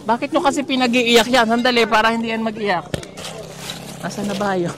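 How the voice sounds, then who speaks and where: A man's voice: extremely high pitch, steady tone, brisk. A man with a Mindanao Filipino accent, vlogging outdoors in a rural village as he hands out donations, bossing and teasing the children in a joking way. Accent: Davao, Mindanao Filipino. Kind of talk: casual outdoor vlog talk. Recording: crowd noise around the speaker. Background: villagers and children chattering.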